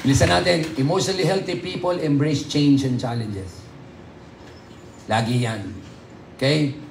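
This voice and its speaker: A man with a Filipino accent preaching a humorous sermon as a pastor, animated and joking, with loud high exclamations. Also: unhurried, gravelly, roomy sound, background noise. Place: church hall.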